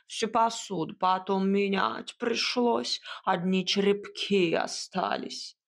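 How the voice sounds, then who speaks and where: A woman voicing a proud, grumbling male house cat who talks slowly and purrs between words in an audiobook. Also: medium pitch, creaky. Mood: huffy. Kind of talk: audiobook character voice.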